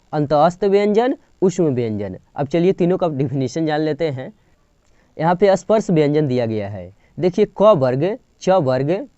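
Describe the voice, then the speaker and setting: A man's voice: fairly high pitch, warm tone, no echo. A man teaching a Hindi grammar lesson, explaining point by point and drawing out single sounds as examples. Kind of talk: classroom-style grammar lesson. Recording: dull, lo-fi dry recording.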